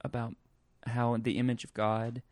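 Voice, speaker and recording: A man co-hosting a podcast in casual chat, talking in a relaxed way with many fillers and pauses. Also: medium pitch, dry recording. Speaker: podcast co-host.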